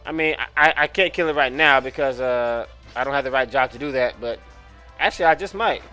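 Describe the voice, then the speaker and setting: A man's voice: medium pitch, a little fast, sharp tone, soft background music. A man giving casual let's-play commentary on a video game, rambling, correcting himself and swearing now and then. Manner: rambling, self-correcting, profane. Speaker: gamer, video host.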